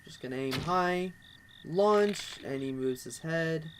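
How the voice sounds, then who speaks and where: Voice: mid-range voice, expressive, takes it slowly, slight background noise, low-quality recording. A let's play host giving casual, rambling commentary over gameplay, with constant fillers like "actually" and "kind of".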